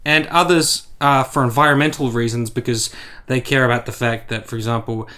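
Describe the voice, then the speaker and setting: A man talks through an opinion vlog in a blunt, sarcastic way, swearing freely. His voice sits at an ordinary pitch and his pace is conversational. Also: steady tone, fairly quick, sharp tone. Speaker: commentary YouTuber.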